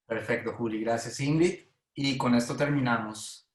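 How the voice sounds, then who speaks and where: A man hosting an interview, asking questions in a measured, deliberate way. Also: medium pitch, reverberant. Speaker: interview host. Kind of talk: moderating a conversation.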